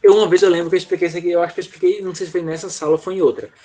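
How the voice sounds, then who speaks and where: A husky-voiced man teaching an online class over a computer mic, his pitch sitting a little high for a man. He explains grammar patiently, checks in with students all the time and slows right down to model each word. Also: fairly even intonation, dark tone. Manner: slows down to model English words. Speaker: English teacher.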